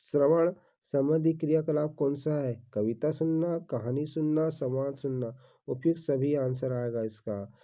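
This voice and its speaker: A man's voice: on the high side, mellow. A man teaching exam-prep questions, reading each question and repeating the answer while calling viewers his friends. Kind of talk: exam-prep quiz walkthrough. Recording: dull lo-fi recording.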